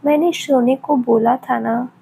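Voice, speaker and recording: A woman voicing a caring young male doctor who speaks softly and affectionately in an audio story. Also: fairly high pitch, fairly even intonation, unhurried, creaky, slight background noise, poor audio. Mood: tender. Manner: soft, affectionate, coaxing.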